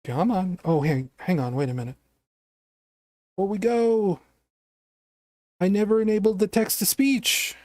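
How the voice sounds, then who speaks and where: A streamer with a naturally scratchy voice giving casual gameplay commentary, chatty and quick to react aloud. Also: medium pitch, darkish tone, dry recording, studio quality.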